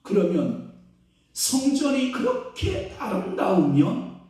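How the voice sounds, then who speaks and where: A male pastor delivers a sermon in a somewhat high, very animated voice, pitching questions to the congregation and answering them himself. He drops to a hush, then rises to loud exclaiming. The sound is heavily echoey, picked up from a distance in a large church sanctuary. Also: slow. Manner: call-and-response questions to the congregation; swings between hushed and loud exclaiming.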